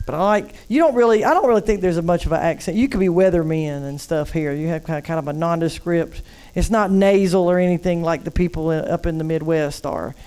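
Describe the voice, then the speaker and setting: A woman's voice: lowish voice, fairly quick, warm tone, clean tone. A woman from North Carolina with a Southern accent, doing a live stand-up set in a comedy club and teasing the crowd in a chatty drawl. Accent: Southern American.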